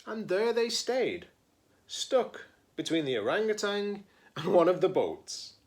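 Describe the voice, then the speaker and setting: A man's high voice swings widely in pitch as he reads a picture book to children as a teacher-librarian, full of playful dramatic emphasis, pauses and chatty asides.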